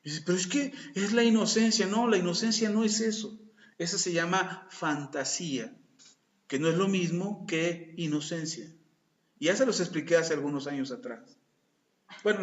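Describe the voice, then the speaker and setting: High-voiced Mexican pastor preaching. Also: male voice, moderate pace. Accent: Mexican Spanish. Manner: conversational preaching, acts out dialogues. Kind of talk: sermon. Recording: echoey room, dull lo-fi sound.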